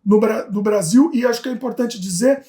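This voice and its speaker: A woman from Brazil co-hosting a casual chat show, reading viewer comments aloud with lively asides. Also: a little high, a little fast. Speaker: co-host. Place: home in Canada. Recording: roomy echo.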